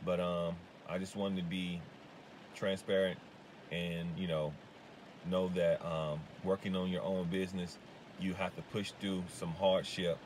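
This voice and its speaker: Deep-voiced halting man. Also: little pitch movement, a little hiss or hum. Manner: halting, full of fillers and restarts. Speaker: lawn care business owner. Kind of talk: casual advice vlog.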